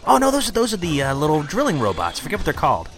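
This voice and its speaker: A man's voice: a little high, wildly swooping pitch, rapid-fire, faint music behind. A man hosting a podcast, giving casual, chatty, amused running commentary on a cartoon. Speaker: podcast host.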